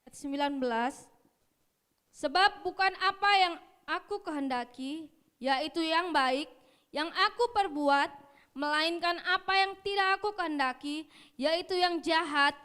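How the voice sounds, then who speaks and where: A woman reading Bible verses aloud at a steady, measured pace during a church service. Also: extremely high pitch. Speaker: scripture reader.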